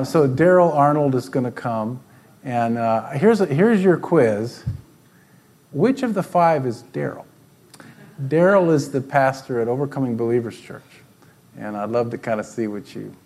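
A middle-aged man leading a church class, giving informal announcements in halting phrases with pauses. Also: mid-range voice, a little mellow.

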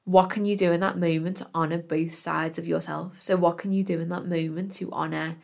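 Low-pitched woman, self-help influencer style. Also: little pitch movement, brisk, creaky, a little mellow. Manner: self-help influencer style, earnest and affirming, addressing listener directly. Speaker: podcast host. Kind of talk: reflective self-help talk, solo podcast.

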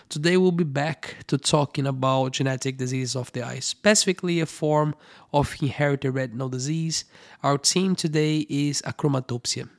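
A male medical doctor hosts a podcast, breaking down eye research in plain, friendly language and frequently checking in with "right?". His voice is on the high side.

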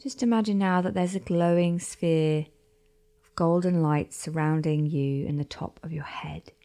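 Soft, gravelly-voiced woman guiding meditation. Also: deep voice, fairly even intonation. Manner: slow, soft-spoken, often half-whispered. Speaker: meditation guide. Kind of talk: guided meditation.

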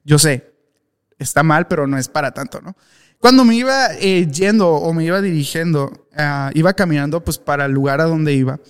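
A man's voice: fairly high pitch, normal speed, clean tone. A young adult man with a Mexican accent, hosting a podcast and telling a story candidly, with restarts and acted-out dialogue. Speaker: podcast host. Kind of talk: casual storytelling monologue.

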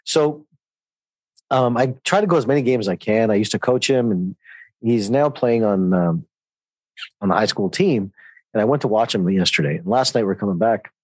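A middle-aged man hosting a podcast, telling a relaxed personal story in casual conversation. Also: fairly low pitch, moderate pace, no room sound, low-quality recording. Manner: easygoing anecdotal storyteller. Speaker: podcast host.

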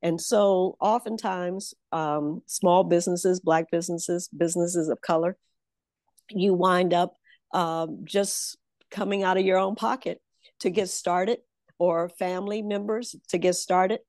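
A woman's voice: on the low side, steady tone, unhurried, darkish tone, no echo, clean studio sound. A woman working as a political consultant, telling stories in an interview with a confident, emphatic manner and easy laughter. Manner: confident, emphatic storyteller who laughs easily. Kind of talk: conversational interview.

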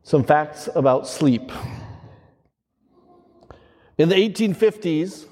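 Man, priest, slow measured preaching, slightly high voice, long cathedral echo. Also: darkish tone. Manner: slow, measured liturgical delivery. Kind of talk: reading the Gospel and preaching a homily. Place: large church. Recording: church hall with long reverb.

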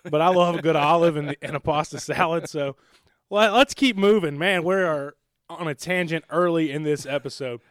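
A man's voice: a little high, normal speed, fairly bright tone, smooth, dry recording. Chatty male podcast host, clean resonant voice, close dry mic. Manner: upbeat, chatty, laughs easily. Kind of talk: casual podcast chat. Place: studio.

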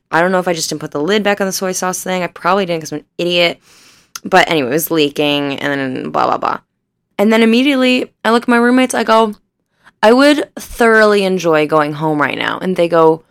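A woman's voice: lowish voice, a bit bright, clear, resonant tone, dry recording. A young woman in her twenties telling a rambling, self-deprecating story in casual chat, laughing often and swearing freely.

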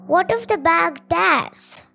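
Child co-host: girl, South Indian accent, extremely high pitch, slow delivery, soft music underneath. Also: expressive, vocal fry. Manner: Indian English phrasing, addresses father as Appa.

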